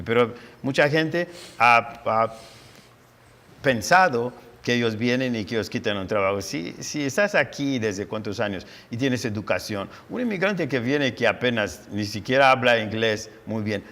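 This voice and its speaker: A man hosts a conversational TV interview, cutting in with short affirmations before making his own points. His voice is middle-pitched, and a long reverb trails it in the studio. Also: a bit bright. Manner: brisk, affirming with "ujú" and "ok". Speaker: TV show host.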